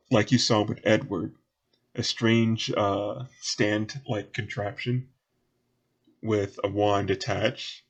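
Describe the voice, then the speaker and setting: Low-voiced man running a tabletop game. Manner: relaxed, rambling with fillers. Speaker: game master.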